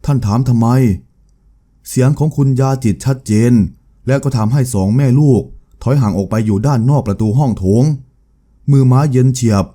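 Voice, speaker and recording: A man narrating a novel as a storyteller, with a steady, measured reading. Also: mid-range voice.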